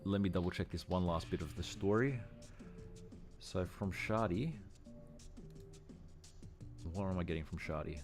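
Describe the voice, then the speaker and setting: A man's voice: deep voice, measured pace, pauses often, over music. A man giving chatty livestream commentary while playing, thinking aloud and often correcting himself. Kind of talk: casual gameplay livestream commentary.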